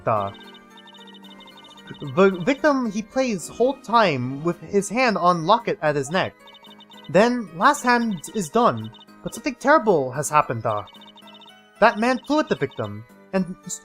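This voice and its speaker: Casting: Russian-accented woman dealer, read by a male gamer, lively, with faint music behind. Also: high voice, moderate pace, hardly any pauses. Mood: matter-of-fact. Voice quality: put-on slight Russian accent.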